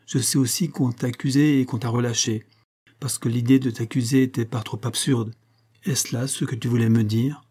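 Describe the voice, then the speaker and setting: A man's voice: medium pitch, fairly even intonation, moderate pace, mellow, husky, natural voice. Man playing a kindly older village mayor. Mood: questioning.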